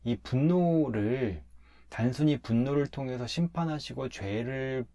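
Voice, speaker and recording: A man, a pastor, talking through a Bible passage in a relaxed conversational way, emphatic as he explains step by step. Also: mid-range voice, measured pace.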